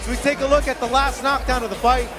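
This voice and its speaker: Guy calling a boxing match, super high pitched and loud, excited, crowd and music behind him. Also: fast. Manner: loud, excited, often shouting. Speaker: play-by-play boxing commentator. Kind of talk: live fight commentary. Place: live boxing event in Tijuana. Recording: live broadcast over crowd and music.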